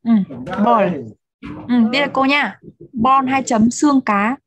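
A woman teaching English vocabulary to children, repeating words and gently correcting their pronunciation. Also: high voice, unhurried, over a noisy crowd.

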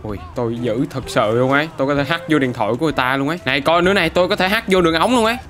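A man doing excitable gameplay commentary, throwing in English exclamations. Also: on the high side, rapid-fire, soft background music. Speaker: gaming YouTuber.

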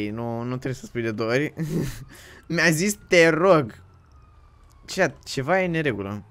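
A man playing in a game roleplay, pleading in a panic and shouting the same pleas again and again. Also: medium pitch, vocal fry. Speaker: roleplay streamer. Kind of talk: casual game roleplay chat.

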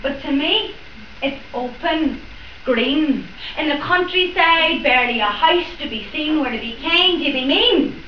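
Her high, expressive voice moves at a measured pace as she introduces her spoken word set with chatty jokes in a library event room. A young woman with a Northern Irish accent, she banters between rhyming verses, captured in a roomy, distant, dull recording with slight background noise.

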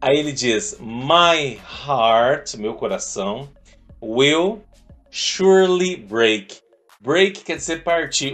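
A man teaching an English song, explaining the lyrics and slowly singing out the lines. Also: mid-range voice. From Brazil.

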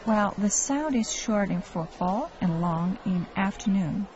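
Woman voicing a calm patient teacher. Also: mid-range voice, lightly acted. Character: patient female English teacher. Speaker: teacher and narrator in a textbook dialogue. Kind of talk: scripted textbook audio dialogue. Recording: dull lo-fi audio with faint hiss.

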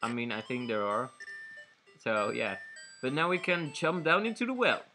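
A man's voice: medium pitch, normal speed, pushed and bright, soft background music. A man casually commenting while playing a video game, rambling and correcting himself as he goes. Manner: rambling, self-correcting, giggly asides. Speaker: let's play commentator.

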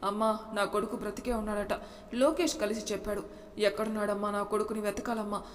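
Casual storybook voice of a frantic young mom, put on by a woman narrator, pleading and tearful, kinda flat, echoey room w/ faint hiss. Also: mid-range voice, quick pace, natural voice. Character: anguished young mother Vinitha, desperate. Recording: reverberant room with faint noise.

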